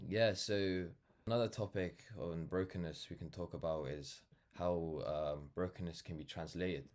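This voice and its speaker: A nineteen-year-old London man talks to camera in a casual, reflective way, earnest and rambling, with plenty of "like" and "you know." He's a vlogger and brand founder, and his deep voice comes out unhurried and a little mellow.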